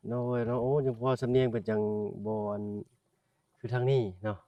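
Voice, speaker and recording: A man's voice: medium pitch, fairly even intonation, moderate pace, no echo, lo-fi sound. Chatty Isan man vlogging outdoors. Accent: northeastern Thai (Isan). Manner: chatty, addresses viewers as brothers and sisters, often apologizes. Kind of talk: casual vlog narration while walking. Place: outdoors in a village. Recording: dry sound, voice at a distance from the mic.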